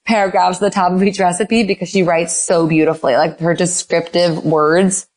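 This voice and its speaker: A woman's voice: lowish voice, fairly even intonation, moderate pace, darkish tone. A mother who cooks, a woman, chatting enthusiastically as a podcast guest, with many "like"s and exclamations. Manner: enthusiastic, gushing, lots of "like" and "oh my God". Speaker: guest, cooking mom. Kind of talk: casual interview chat. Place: Los Angeles.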